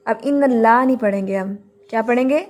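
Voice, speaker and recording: A woman's voice: on the high side, brisk. A woman teaching tajweed in a recorded lesson, explaining patiently and drawing out words to model them.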